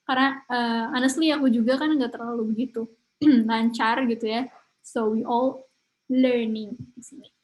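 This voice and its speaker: A woman's voice: fairly high pitch, fairly even intonation, moderate pace, a little mellow, low-quality recording. Chatty young woman teaching English. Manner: chatty, mixes English words into Indonesian. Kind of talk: casual online lesson.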